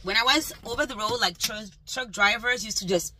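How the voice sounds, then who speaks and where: A woman's voice: a little high, fairly quick, pushed and bright, rough recording. A woman delivery van driver venting in an exasperated, emphatic rant while driving, with road noise behind her. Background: road and engine noise.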